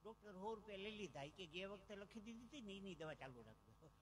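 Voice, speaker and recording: A high-voiced man speaks briskly over a noisy background. Performing as a folk comedian on an outdoor village stage with a PA system, he tells jokes and stories in a Gujarati accent, animatedly acting out his characters' voices.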